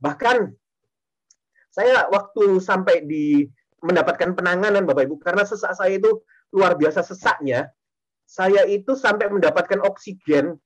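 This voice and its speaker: A man's voice: sits high, moderate pace, dull audio. A man giving a testimony sermon to a congregation, repeating his phrases and often turning to address the listeners directly.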